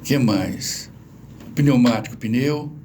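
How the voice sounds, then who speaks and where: A man's voice: medium pitch, drawn-out words, slight background noise. A man with a Brazilian accent, a language professor explaining things patiently in an interview. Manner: didactic, animated, spells out examples.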